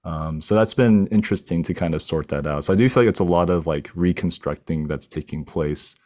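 A man around forty speaks in a very low, deep voice on a casual faith podcast. He is easygoing and reaches for sports comparisons. The recording is dry and close. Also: fairly quick, a little mellow, no room sound. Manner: easygoing, uses sports comparisons, laughs lightly. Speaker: podcast co-host.

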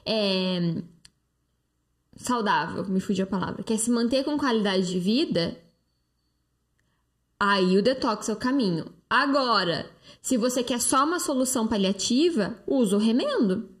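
A Brazilian woman with a high voice speaks into a phone held close during a live stream. She talks in a chatty, persuasive way, answering viewer comments and sprinkling her speech with fillers. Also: lively intonation, a little slow. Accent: Brazilian Portuguese. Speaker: live-stream host, detox coach.

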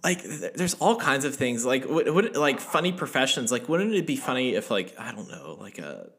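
Lively, bright-voiced man explaining things. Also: mid-range voice, normal speed. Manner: rambling explainer, many fillers and restarts. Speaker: podcast co-host. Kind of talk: casual podcast chat.

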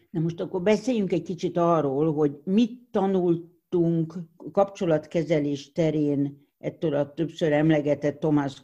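Gravelly, dark-toned explainer on a dull recording. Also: mid-range voice. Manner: thoughtful, explains with examples and restarts. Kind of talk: explanatory interview talk.

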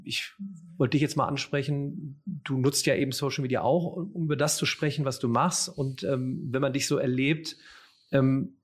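A man's voice: mid-range voice, steady tone, moderate pace, breathy edge. A man hosting an interview, asking long questions with hesitations. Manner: hesitant, many fillers and restarts, softer. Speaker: interviewer, podcast host.

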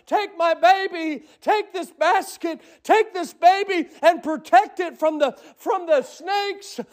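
Anxious biblical mother, put on by a male preacher, high and pleading. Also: slow. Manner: pleading, high-pitched prayer. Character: anxious praying mother, biblical, young woman.

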